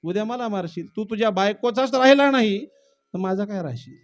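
A man's voice: high voice, lively intonation, brisk. A male preacher voicing a shrewd courtesan who coolly reasons her way out of staying with a killer. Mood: cold.

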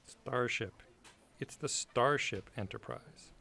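A man's voice: medium pitch, slow pace, creaky, pushed and bright, exaggerated voice. A man voicing an earnest, insistent 1960s office-worker puppet in a comedic parody. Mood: defensive.

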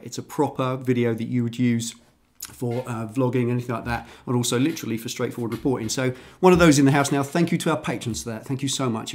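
A man's voice: mid-range voice, darkish tone. A man hosting a casual garage vlog, chatty and enthusiastic, recorded on a standalone microphone. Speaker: channel host.

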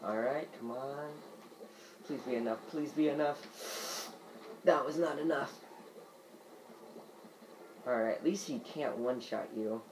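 A man narrating his own gameplay in a let's play, talking slowly and at a middle pitch. He mutters to himself as he plays, with a faint hum of ambience underneath. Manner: muttering to himself while playing. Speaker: gamer.

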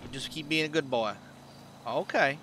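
A man's voice: fairly high pitch, normal speed, pushed and bright, a little hiss or hum. A man playing a friendly, folksy country tow-truck driver with a drawling way of talking, in a game role-play. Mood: easygoing.

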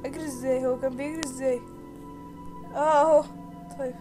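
High-voiced Egyptian woman, jumpy gamer. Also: fairly even intonation, brisk. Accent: Egyptian Arabic. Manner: jumpy, panicky, shrieks and giggles when startled. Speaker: gamer playing a horror game. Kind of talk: let's play commentary. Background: game music.

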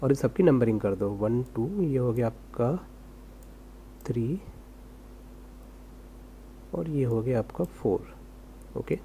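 Male coding tutor, relaxed mellow delivery, rhetorical self-questions as he types, light hum in the recording. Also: mid-range voice, slow pace, long pauses. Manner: casual, rhetorical self-questions, talks while typing. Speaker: programming tutor.

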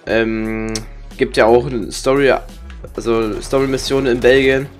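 A young man rambles casually as he plays a game for viewers. His voice sits at an average male pitch. He talks in slang, grumbles and swears freely, with music playing underneath. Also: fairly even intonation, measured pace. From Germany. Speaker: gaming streamer. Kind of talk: casual rambling gameplay commentary. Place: indoor room with webcam.

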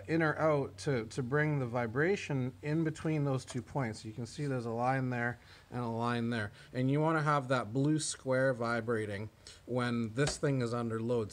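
Plain-spoken man demoing a generator. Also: mid-range voice. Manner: plain, matter-of-fact explaining with fillers. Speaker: equipment seller demonstrating a generator. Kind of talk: casual product demo. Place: indoor barn or workshop with concrete floor.

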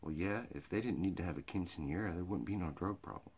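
A middle-aged American man with a hick drawl and a gravelly, raspy voice, rambling through off-the-cuff comedy to camera in a crude, rowdy redneck manner. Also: sits low, fast talker, darkish tone. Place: small cluttered indoor storage room or workshop. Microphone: phone or webcam at arm's length.

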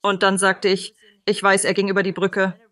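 A woman's voice: mid-range voice, completely flat delivery, normal speed, fairly bright tone, no room sound. A woman from Britain, a psychic medium, telling personal stories in an interview and acting out the quoted dialogue.

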